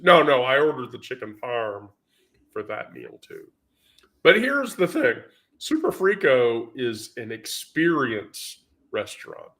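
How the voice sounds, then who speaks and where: A man's voice: medium pitch, fairly bright tone. A man vlogging in casual storytelling mode, rambling and profane, with many fillers.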